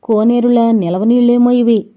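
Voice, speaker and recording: A woman voicing a confident young man who leads his friends through a cave, giving calm, commanding instructions. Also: on the high side, normal speed, narrow, tinny audio, lightly acted.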